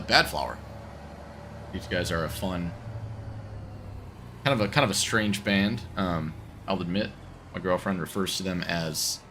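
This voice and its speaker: This man's voice is low and fairly bright, congested from a cold, as he rambles easily while streaming a driving game. His casual commentary is easygoing and full of self-corrections, with slight background noise behind him.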